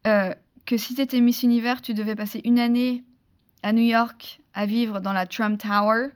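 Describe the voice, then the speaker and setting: A woman from France, a guest in a casual interview, telling a story in a lively, chatty way with many restarts and fillers. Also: on the high side, moderate pace. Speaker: interview guest, former beauty pageant contestant.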